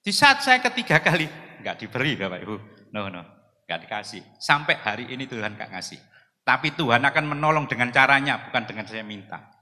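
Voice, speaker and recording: A man preaching a sermon, telling his own story, swinging between loud exhortation and hushed, emotional confession. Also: mid-range voice, sing-song, fairly quick. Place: large church hall. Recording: long hall reverb.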